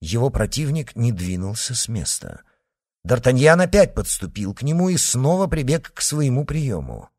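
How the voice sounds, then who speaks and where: Brief: male audiobook narrator, lively dramatic delivery, dry close sound. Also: medium pitch, slightly rough, no room sound. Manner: expressive, theatrical reading.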